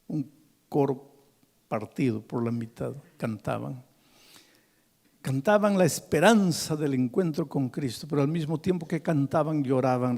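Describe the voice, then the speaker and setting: A pastor telling a story in a sermon, swinging dramatically between hushed and forceful delivery in church. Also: male voice, medium pitch, gravelly.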